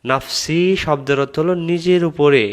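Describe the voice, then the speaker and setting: A man teaching the correct pronunciation of a prayer, reciting words slowly and breaking them into syllables. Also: a little high, steady tone. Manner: slow, drawn-out recitation of Arabic words, repeated syllable by syllable; patient, instructive explanation. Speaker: religious teacher.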